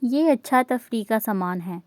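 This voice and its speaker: A woman playing a cocky young guy in a storybook reading, smug and mocking. the voice stays fairly high and bright, close and dry with no room sound. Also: lively intonation, measured pace, no echo. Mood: teasing. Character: teasing cocky young man.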